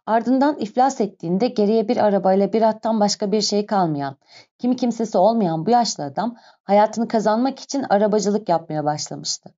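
Warm-toned woman narrating a classic novel. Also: medium pitch, moderate pace. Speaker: audiobook narrator. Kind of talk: scripted narration. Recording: dull lo-fi recording.

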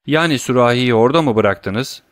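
A man voicing a middle-aged male doctor who questions urgently and speaks gravely. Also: mid-range voice, moderate pace, no echo, clean studio sound, lightly acted.

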